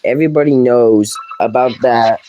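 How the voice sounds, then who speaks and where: A man's voice: medium pitch, moderate pace, highs cut off. Rambling man over a noisy recording. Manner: rambling, restarts sentences, laughs at own jokes. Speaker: gaming commentator. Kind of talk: casual commentary while playing.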